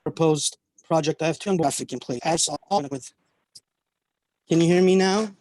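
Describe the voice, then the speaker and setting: A man's voice: on the high side, moderate pace, a little mellow, rough recording. A man calling in to give public comment, firm and objecting, while his call breaks up and drops out. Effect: call breaking up and dropping out.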